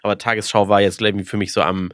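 A man's voice: fairly low pitch, little pitch movement, quick pace, a bit bright, clear, resonant tone, no echo, clean studio sound. A man co-hosting a casual podcast chat, explaining things at length with many fillers and hedges. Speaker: podcast co-host.

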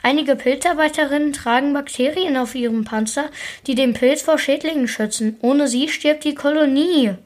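An upset schoolboy, sharp and accusing, his voice pitched a little higher, as a woman reads him aloud. He speaks with clipped reproach. The reading stays that of a storybook. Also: moderate pace, lightly acted. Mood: reproachful. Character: angry, upset schoolboy, knows about ants.

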